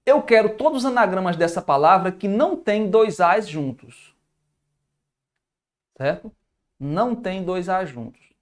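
A man's voice: high-pitched, animated, measured pace, long pauses. A Brazilian man teaching a live math review, thinking aloud and answering viewer comments in an informal way. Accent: Brazilian Portuguese.

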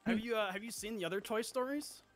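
A man in casual in-character role-play chat, halting and full of fillers, swearing offhandedly. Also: sits high, fairly bright tone, no echo. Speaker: role-play player on a date.

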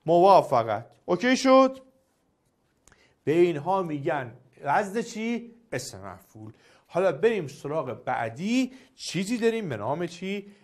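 A lively male teacher with a high voice that leaps up and down as he quizzes his class. He coaxes answers out of his students during a grammar lesson.

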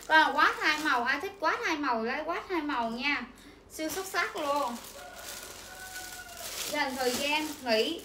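On a livestream, a young woman hawks clothes to her viewers in a high, bright voice, chatty and full of repetitive sales patter. The sound comes from an echoey room with faint background noise.

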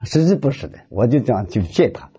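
A man's voice: mid-range voice, sing-song, brisk, dark tone, slightly rough. A man giving a storytelling Buddhist talk, animatedly acting out the dialogue of his stories. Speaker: lay Buddhist speaker.

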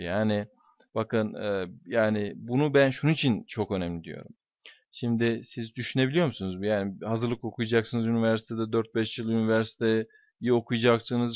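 A man's voice: medium pitch, no echo, muffled recording. A man teaching English to his students, explaining exam questions and stressing points by repeating key words.

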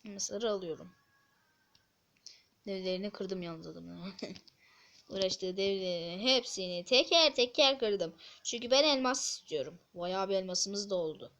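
A woman's voice: medium pitch, a little slow, fairly bright tone. A woman casually commentating her gameplay, talking to viewers with muttered asides. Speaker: gameplay video host.

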